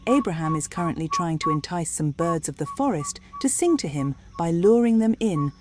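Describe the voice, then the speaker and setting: A woman's voice: on the low side, wildly swooping pitch, fairly quick, noisy background. A woman reading scripted narration for a nature documentary.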